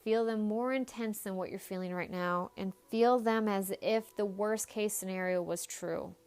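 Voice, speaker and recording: A woman in her thirties, a podcast host, telling a personal story in a candid, expressive way and swearing freely. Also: medium pitch, normal speed, smooth.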